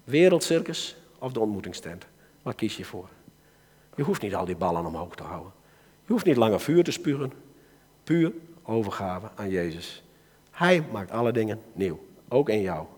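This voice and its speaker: A man with a Dutch accent preaching a sermon to a church gathering, swinging between soft asides and loud calls to his listeners. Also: medium pitch, slightly rough. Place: church hall. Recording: reverberant hall.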